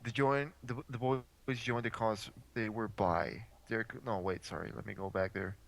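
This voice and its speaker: A young man doing a mocking dramatic reading in a deadpan, exasperated way. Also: lowish voice, normal speed, creaky.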